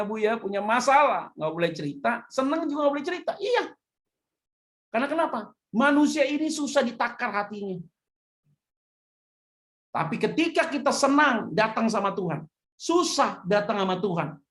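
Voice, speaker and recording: A woman pastor, preaching a sermon that swings from hushed to loud emphasis. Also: mid-range voice.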